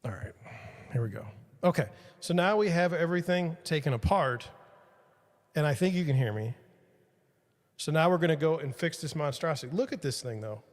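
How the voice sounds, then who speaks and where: Swapping out his mic mount during a livestream, a podcast host rambles to viewers and jokes at his own expense. His voice sits on the high side and is expressive, at normal speed with long pauses and a long reverb tail, captured on a studio mic with changing levels.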